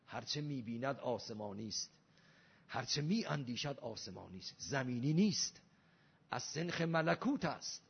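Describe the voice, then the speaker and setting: A man's voice: a little high, vocal fry, slightly rough. A man giving a religious lecture, arguing with rhetorical questions and emphatic rising delivery. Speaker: Shia cleric lecturer. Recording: dull lo-fi recording.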